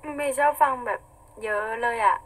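A young woman with a husky voice, chatting casually on a live stream, reading out viewer comments and laughing often. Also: normal speed, fairly bright tone, a little hiss or hum, poor audio. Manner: chatty, giggly, playful. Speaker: idol singer on a live stream.

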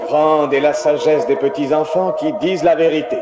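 A man's voice: on the high side, steady tone, normal speed, noisy background, natural voice. A man playing the solemn eldest magician. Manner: solemn, ceremonial questioning. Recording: roomy echo, background music.

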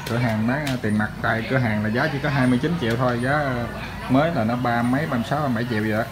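A man with a southern Vietnamese accent giving a chatty, hesitant used-vehicle salesman's pitch in a casual walkaround, filmed by handheld phone in a showroom. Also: racing. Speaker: used motorbike shop salesman. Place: tiled motorbike showroom. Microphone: handheld phone behind camera. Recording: noisy handheld recording with vehicle sounds.

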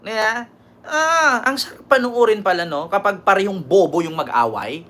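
A woman's voice: medium pitch, expressive, moderate pace, a bit bright. A woman hosting a political commentary show, mocking and scornful, constantly asking her listeners for agreement.

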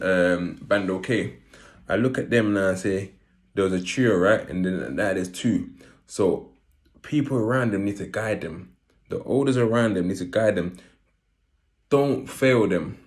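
Casually telling stories about himself to camera, a vlogger speaks in a fairly low, dark voice. His London roadman slang delivery includes phrases repeated for emphasis.

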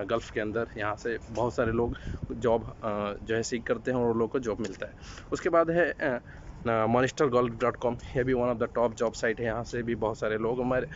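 A young man talks casually to his phone camera in a parking lot at night, pausing often with fillers and restarting sentences. The sound is a little dull, and a faint outdoor hum sits behind his voice. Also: mid-range voice. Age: young adult. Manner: hesitant, many fillers and restarts. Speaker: vlogger. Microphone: phone camera, then selfie at arm's length.

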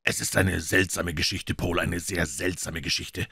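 A sober, skeptical lawyer weighs his words in a low, measured voice, as a male reader plays him. The storybook reading sounds close and dry. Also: steady tone, gravelly, pushed and bright, slightly rough, no echo, exaggerated voice. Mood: doubtful. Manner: measured, doubtful.

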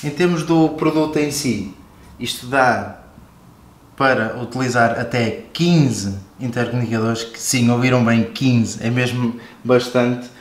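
A man with a European Portuguese accent gives a casual, explanatory product review and walkthrough in a mid-range voice, speaking a little slowly. The recording has a roomy echo with background music and slight background noise.

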